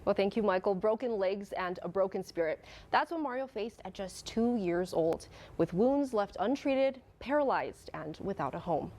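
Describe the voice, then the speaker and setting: A woman reporter introduces a story with polished, measured delivery. Her pitch is mid-range and steady. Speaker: TV news reporter. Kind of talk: scripted news intro.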